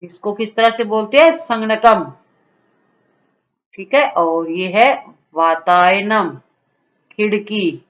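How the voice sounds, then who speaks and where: A woman teaching a school lesson, addressing the children and slowly repeating each word. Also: mid-range voice, a bit bright, dull audio. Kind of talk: slow school lesson explaining word meanings.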